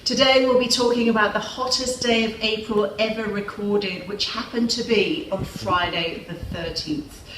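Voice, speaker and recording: In a roomy, echoing recording with clear background noise, a woman acts as a female parody news anchor. She presents a mock TV newscast in a formal, upbeat way, with a medium-pitched voice. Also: steady tone, normal speed, hardly any pauses, a bit bright, natural voice. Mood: formal, presenting.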